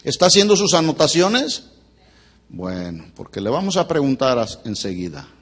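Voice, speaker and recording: A man's voice: medium pitch, huge pitch swings, normal speed. A male pastor preaching a sermon to a congregation, teaching and quizzing them with questions. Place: church before a congregation.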